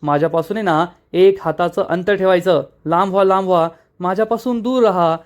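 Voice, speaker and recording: A man voicing a coy, playful young woman who teases briskly. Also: fairly low pitch, close to an everyday voice. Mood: coy, teasing.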